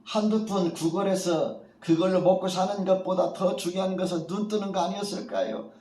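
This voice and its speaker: A man's voice: high-pitched, steady tone, normal speed, warm tone. Man preaching in an echoey church. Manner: storytelling preacher who acts out quoted voices. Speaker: pastor. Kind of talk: sermon. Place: church at a morning prayer meeting. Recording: echoey church hall from far off.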